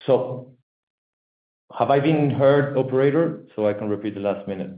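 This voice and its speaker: A man presenting company results over a conference call line that keeps cutting out, talking in a halting way and often repeating his words. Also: mid-range voice. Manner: halting, stumbling delivery with many repeated words. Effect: heard over a conference call line that keeps cutting out. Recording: echoey, tinny phone-like call line.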